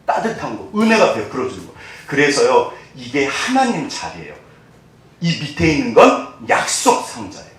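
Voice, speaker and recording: A man's voice: medium pitch, normal speed. Guy preaching, voice jumps up and down a lot, sounds far off in a big echoey church. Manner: animated, asks the congregation questions, acts out quoted lines. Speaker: pastor. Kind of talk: sermon. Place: church sanctuary.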